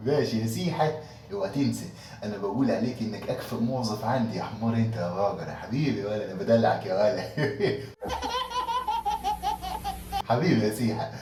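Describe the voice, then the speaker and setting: A man's voice: fairly low pitch, very fast. A man with an Egyptian accent playing an office manager in a comic sketch, speaking with mock-affectionate, sugary sarcasm. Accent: Egyptian Arabic. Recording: echoey room, distant mic, faint noise.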